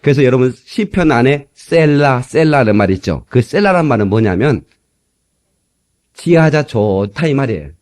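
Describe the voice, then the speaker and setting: Captured on an old cassette in a church, this man's medium-pitched, somewhat mellow voice carries a lively, joking sermon at a moderate pace. He's a chatty pastor who slips into recitations in dialect.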